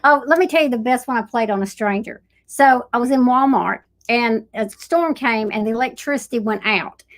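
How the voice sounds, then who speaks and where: A middle-aged woman with a Southern US accent, chatting on a live stream and telling prank stories, acting out what other people said. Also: a little high. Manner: lively prankster storyteller who acts out other people's lines. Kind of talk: casual chat on a live stream.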